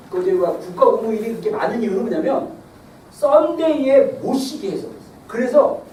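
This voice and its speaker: Echoey middle-aged male pastor preaching. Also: very high voice. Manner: lively, conversational preaching with sudden loud and soft swings. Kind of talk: sermon. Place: church sanctuary. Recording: echoey hall, mic far off, faint hiss.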